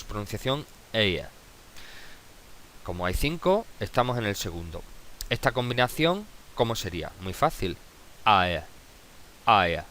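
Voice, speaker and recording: A man's voice: fairly low pitch, fairly bright tone, a little hiss or hum. A man teaching an English lesson in a video tutorial, with a Spanish accent, patiently repeating example words.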